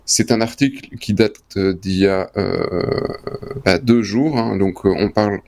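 Gravelly low man chatting. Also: measured pace, a little mellow. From Belgium. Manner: rambling, full of fillers and casual slang. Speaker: co-host. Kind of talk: casual podcast chat.

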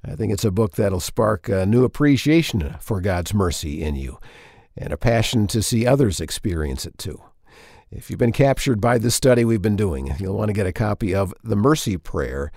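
A man hosting a faith podcast, reading an earnest, measured segment introduction close to the mic. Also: fairly low pitch, expressive, gravelly, darkish tone, no room sound. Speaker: podcast host.

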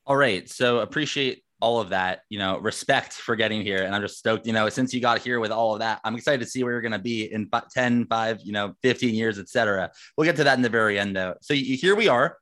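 Man, podcast host, casual interview, rambling questions, repeats himself, brisk pace. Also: fairly low pitch, a bit bright.

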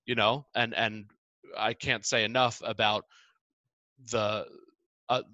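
A man with a bright, forceful voice speaks enthusiastically in a conversational interview. He halts often and fills the gaps with ums and little giggles. The sound is close and dry. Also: on the low side, little pitch movement, no room sound, dull audio. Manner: halting, enthusiastic, giggly, many fillers.

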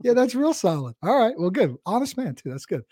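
A man's voice: sits high, very animated, brisk, warm tone, dry recording, clean studio sound. A man hosting a podcast interview, friendly and affirming, casually calling his guest "man" and "bro.". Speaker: podcast host.

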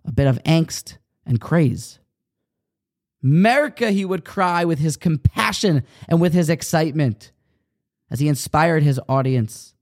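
Man, storyteller, earnest, measured pauses, slightly higher voice. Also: a little mellow. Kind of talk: storytelling a parable.

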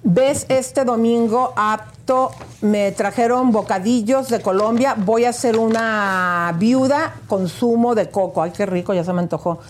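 A woman's voice: a little high, a little slow, few pauses, slight background noise. A woman co-hosting a gossip show, chatting and reading viewer comments aloud.

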